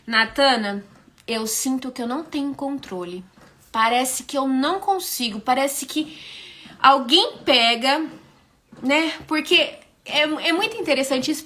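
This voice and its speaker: A woman's voice: sits high, sharp tone. A woman with a Brazilian Portuguese accent giving an explanatory live talk over a phone stream. She asks herself rhetorical questions and keeps tagging her points with short checks. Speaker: host explaining compulsive eating. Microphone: phone on a social media live stream.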